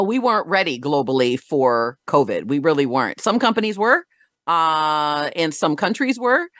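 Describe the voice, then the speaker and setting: Lower-pitched radio host woman. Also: a bit bright, no room sound, clean studio sound. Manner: earnest, repeats words while thinking. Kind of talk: radio interview chat.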